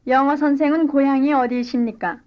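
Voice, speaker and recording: A woman reading a scripted language-lesson dialogue and drill answers in clear, careful model sentences. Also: high voice, steady tone, a little fast, dull audio. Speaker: language course speaker.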